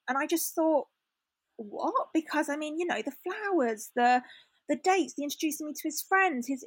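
Chatty young woman with a gravelly voice. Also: high-pitched, fairly bright tone, no echo. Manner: candid, chatty, many fillers and restarts. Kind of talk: casual storytelling chat.

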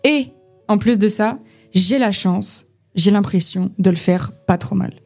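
With faint music in the background, a young woman from the Vosges talks casually about acting while guesting on a podcast over beer at an informal gathering. An actress and poet, she has a mid-range, slightly mellow voice and a measured pace, peppered with fillers and restarts.

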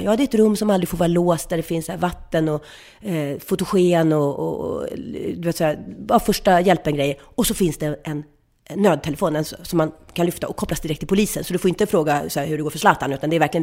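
A woman quoting a calm old cabin warden. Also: sits low. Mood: matter-of-fact. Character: older male mountain cabin warden, calm and matter-of-fact.

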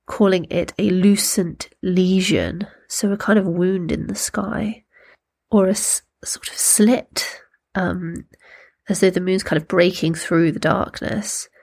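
A woman with a slightly low voice speaks very slowly and gently, as a poetry workshop host. Her delivery is reflective and thoughtful, with room left around the words. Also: steady tone, gravelly, breathy edge. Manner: gentle, unhurried, thoughtful, pausing to find words. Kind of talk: reflective talk with slow poetry readings.

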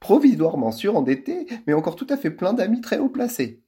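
A girl in a children's storybook fakes the voice of a grand society lady, all affected and theatrical, as a man reading it puts her on. The voice sits far above a man's own and sweeps up and down. A husky grain stays underneath. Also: sits high, sing-song, a little fast, dark tone, pitched above the performer's own voice, heavily acted. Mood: mock posh. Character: girl putting on a posh high-society lady voice.

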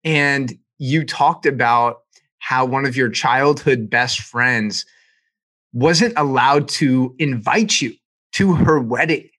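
Brief: male podcast host, upbeat motivational delivery, mid-pitched voice. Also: slow. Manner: energetic, motivational. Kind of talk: podcast intro and interview.

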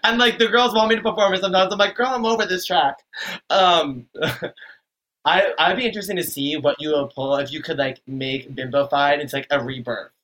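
A man's voice: fairly high pitch, normal speed, bright, forceful tone. A man who is a drag queen, talking as a podcast guest in a rambling, slang-heavy way. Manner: rambling and slangy, full of "like" and "it's giving". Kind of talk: casual interview chat.

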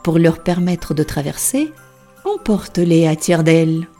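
A woman voicing a frightened but brave little girl who calls out in high, pleading cries. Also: very animated, normal speed, dark tone, faint music behind.

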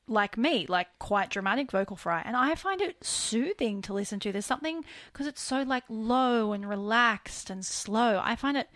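A woman co-hosting a podcast in a relaxed, low-key way, her voice full of vocal fry. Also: moderate pace, few pauses, no echo, studio quality. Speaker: podcast co-host. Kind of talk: casual podcast chat. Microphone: desk microphone.

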